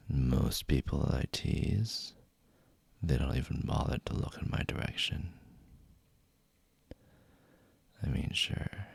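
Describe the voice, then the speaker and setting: Casting: male actor as flirty bully leading man for whispered ASMR role-play; heavy vocal fry, husky, close dry sound, intimate taunting delivery. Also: rumbling low, a little mellow, no room sound, exaggerated voice. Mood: teasing, intrigued. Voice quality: husky, gravelly.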